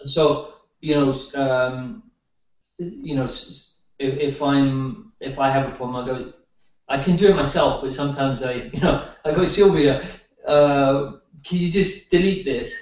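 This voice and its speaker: A man's voice: medium pitch, fairly even intonation, normal speed. A man who works as a healer, chatting in an interview, telling anecdotes with hesitant restarts, recorded as a distant, echoey, slightly dull sound. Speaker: energy healer guest. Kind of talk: casual interview chat.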